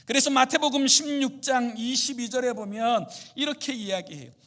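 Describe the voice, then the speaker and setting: A male pastor delivering a sermon dramatically, swinging from loud exclamations to hushed murmurs. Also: extremely high pitch, normal speed.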